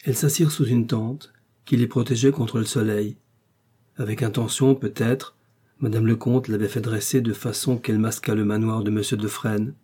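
Dark, husky male audiobook narrator. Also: on the low side, steady tone, moderate pace. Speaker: audiobook reader.

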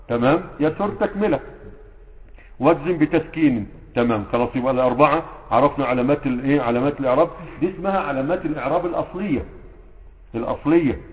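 A man with an Egyptian accent teaching a grammar class, constantly quizzing his students with rhetorical questions. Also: a little high. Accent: Egyptian Arabic. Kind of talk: classroom lesson. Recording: tinny phone-like sound with long hall reverb.

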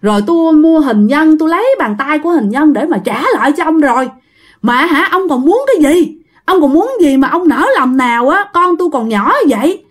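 A woman voicing a furious father who shouts and berates indignantly. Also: high voice, animated, a little fast, voice pushed up. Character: furious father, a grown man, cursing.

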